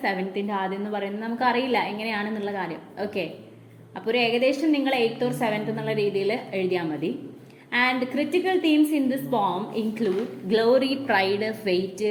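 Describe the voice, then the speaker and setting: A woman teaching a literature class, reading English lines slowly and then explaining them in her own words, with frequent "okay" fillers. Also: medium pitch, echoey room, a little hiss or hum. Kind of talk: classroom lecture.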